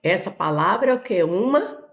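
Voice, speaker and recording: A Brazilian woman teacher walks through exam questions one step at a time. She often says "ó" and "olha" as she points at the board, and her pitch moves up and down a lot. The recording is echoey and sounds dull and lo-fi. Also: animated, normal speed. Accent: Brazilian Portuguese. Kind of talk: exam prep lesson, working through questions.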